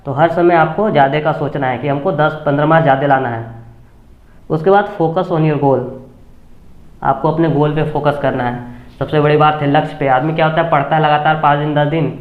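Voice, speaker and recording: Male coaching host, urgent lecturing tone, fairly high voice. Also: fairly even intonation, quick pace. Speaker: exam coaching channel host. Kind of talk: motivational exam tips talk. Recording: tinny phone-like sound, echoey room.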